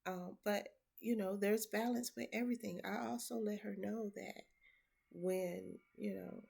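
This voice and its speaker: A woman's voice: medium pitch, fairly even intonation, unhurried, gravelly, a little mellow, breathy edge. A middle-aged grandmother speaking in a casual, heartfelt monologue, earnest and reflective, repeating points for emphasis.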